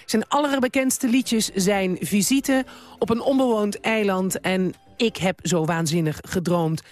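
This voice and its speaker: A woman's voice: mid-range voice, a little slow, a little mellow. A woman hosting a radio programme, presenting with light, wry asides. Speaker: radio host.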